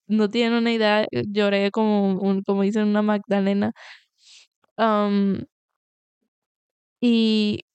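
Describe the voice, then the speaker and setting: A woman's voice: a little high, clear, resonant tone, no echo. A young woman in her twenties, raised in the US after moving there at twelve, telling a personal story in a candid, rambling way. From Latin America, moved to the US at twelve. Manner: candid, rambling, with restarts and "bla, bla, bla". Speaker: podcast host. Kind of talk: personal confessional monologue.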